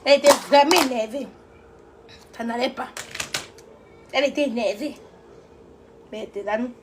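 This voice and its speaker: A woman hosting a casual live stream on her phone, animated and often calling out loudly while laughing. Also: fairly high pitch, moderate pace, background noise. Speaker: livestream host.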